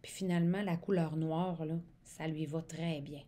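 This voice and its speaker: Mellow-voiced woman teaching. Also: sits low, moderate pace, a little hiss or hum. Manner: animated, speaks as if to young children, stretches words. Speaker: early childhood educational support worker. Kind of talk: demonstration lesson on interactive reading.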